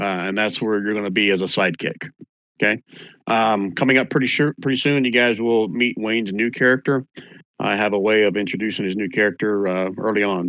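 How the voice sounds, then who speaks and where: A man with a fairly low voice serves as game master. He talks casually as he narrates and organises a tabletop game, and the sound is dry and close. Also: a bit bright, no echo, poor audio.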